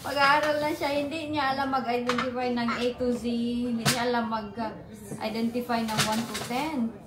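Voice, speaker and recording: A woman's voice: fairly high pitch, little pitch movement, moderate pace, reverberant, very noisy. Chatty pregnant mother vlogging outdoors. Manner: chatty, storytelling, mixes languages. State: pregnant, tired from walking. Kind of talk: casual vlog chat while walking.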